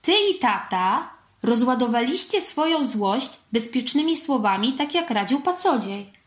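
A woman's voice: a little high, lively intonation, measured pace, roomy sound, pitched above the performer's own voice. A woman voicing a caring but firm mother in a storybook reading. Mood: warm.

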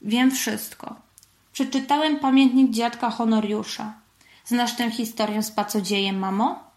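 A woman voicing an impulsive young boy in a storybook reading, high and eager. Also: steady tone, a little slow, darkish tone, echoey room, natural voice. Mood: earnest.

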